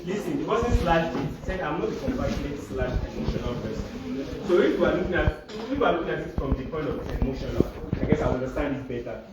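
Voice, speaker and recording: A man's voice: a little high, fast. A man leading a classroom session, talking students through their notes and often checking they follow along. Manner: animated, keeps checking students follow with "you understand?". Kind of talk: classroom teaching and discussion. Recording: very echoey room, from far off, loud class noise.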